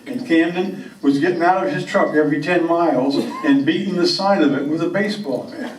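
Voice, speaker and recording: A man telling comic stories on stage in a folksy, unhurried way. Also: on the high side, a little hiss or hum. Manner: folksy, unhurried yarn-spinning. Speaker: humorist, storyteller. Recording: echoey room, distant microphone.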